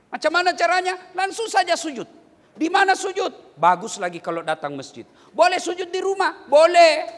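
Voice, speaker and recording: A male preacher giving a humorous sermon, joking, acting out quotes and singing snippets. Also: very high voice. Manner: jokey, animated, acts out quotes and sings lines. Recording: long hall reverb, faint noise.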